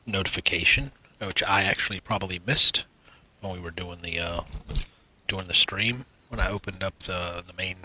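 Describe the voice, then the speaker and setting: A man from the United States hosting his own gaming channel, chatting casually and rambling with many fillers, restarts and throat clearing. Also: low-pitched, normal speed, sharp tone, slight background noise, low-quality recording. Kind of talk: casual gaming news chat.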